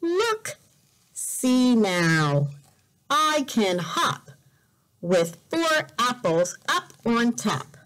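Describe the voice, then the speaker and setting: A woman teacher reading a picture book aloud to children in a deliberate, exaggerated way, repeating words for learners, recorded indoors on a device camera. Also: on the high side, sing-song, fairly bright tone, poor audio. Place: indoors in a room by a bright window.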